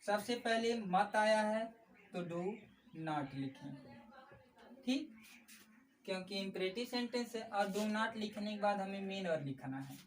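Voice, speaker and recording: A woman's voice: mid-range voice, expressive, measured pace, long pauses. Patient woman teacher, distant mic. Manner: patient, repeats key points, addresses viewers as friends. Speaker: English grammar teacher. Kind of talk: explanatory classroom lesson. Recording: slightly distant mic with faint background noise.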